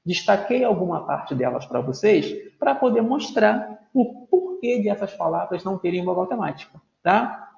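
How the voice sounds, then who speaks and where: Gravelly man teaching a video lesson. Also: high voice, lively intonation, moderate pace, hardly any pauses, a little mellow. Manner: explains step by step, often checks in with "tá?". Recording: roomy, dull lo-fi sound.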